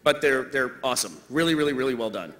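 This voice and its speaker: A man's voice: medium pitch, expressive, quick pace, bright, forceful tone. A man moderating a live convention panel, joking and laughing often, on a stage mic in a big hall.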